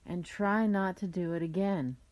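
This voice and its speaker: Woman doing a caring mom, lower voice, calm and firm, storybook, dry sound. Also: moderate pace, no room sound, close to an everyday voice. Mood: gently firm. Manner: calm, low, gently firm. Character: caring mother, gentle but firm.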